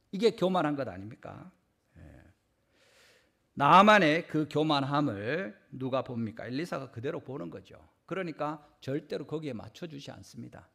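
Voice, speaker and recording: A man preaching a Sunday sermon, acting out scripture characters with sudden swings between loud outbursts and quiet asides. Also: on the high side. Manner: lively, acts out quoted speech with sharp rises and drops in loudness. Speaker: pastor.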